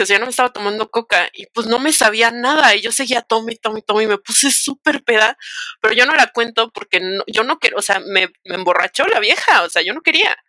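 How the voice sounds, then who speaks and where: A woman's voice: fairly high pitch, sharp tone, no echo. A young woman with a Mexican accent telling a personal story in casual, slangy chat, sprinkling in English words.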